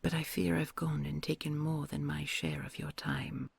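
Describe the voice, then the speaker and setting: A deep, sing-song, exaggerated voice belongs to a woman playing a kind but solemn and lonely dragon queen in audio roleplay, with no room sound. She whispers tenderly in a gravelly, breathy tone, soft and slow, using formal, courtly, old-fashioned language.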